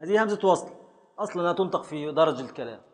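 A man's voice: on the high side, lively intonation, rapid-fire, long reverb tail. A man teaching a class in Egyptian Arabic, patiently repeating and scanning words aloud and calling on his students. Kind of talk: classroom lesson on Arabic prosody and grammar.

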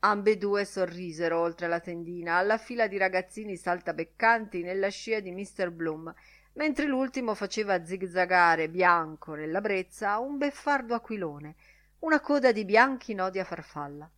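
A woman reading a literary novel aloud in a measured, expressive audiobook narration. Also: medium pitch. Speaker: audiobook reader.

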